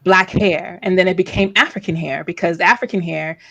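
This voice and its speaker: Casual woman livestream host, lowish voice, dry close sound, loose and conversational. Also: steady tone, a little fast, gravelly, fairly bright tone, breathy edge, dry recording, dull audio. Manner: conversational, many fillers and restarts.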